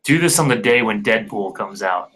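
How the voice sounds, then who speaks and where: A man's voice: fairly low pitch, expressive, normal speed, sharp tone, rough recording. A man from a band casually chatting on a studio livestream, laughing often and rambling through restarts. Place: recording studio with drums being tracked.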